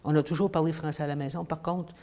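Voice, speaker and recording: A woman's voice: deep voice, steady tone, fast talker, dark tone. Quebec french woman, fifties, teacher, hesitant, lots of fillers, small indoor room. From grew up in the United States, then Quebec. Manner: hesitant, many fillers and restarts. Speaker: English teacher. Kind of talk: casual interview answers. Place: indoors, small room against a plain wall.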